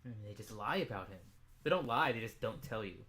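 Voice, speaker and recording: A man co-hosting a casual podcast, goofy and jokey, swinging from mumbles to loud outbursts. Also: lowish voice, animated, quick pace. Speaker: podcast co-host. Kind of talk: casual chat.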